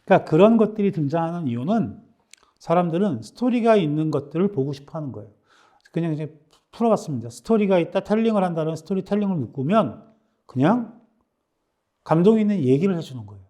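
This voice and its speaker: Middle-aged male lecturer, warm mellow voice, conversational, acts out little quotes. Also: fairly high pitch, sing-song, fast talker. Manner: conversational, acts out quoted dialogue, frequent restarts. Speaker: startup lecturer. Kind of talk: classroom lecture.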